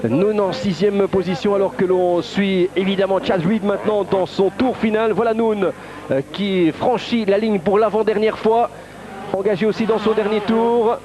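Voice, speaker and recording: Male motorsport commentator, high voice, calling positions live through dull audio over crowd noise. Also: steady tone, moderate pace.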